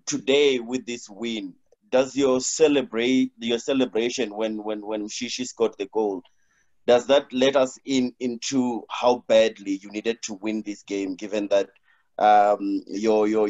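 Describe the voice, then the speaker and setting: A man's voice: on the low side, a little mellow. A man, a sports journalist, asking a long, hesitant press conference question full of fillers. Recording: dull, lo-fi call audio.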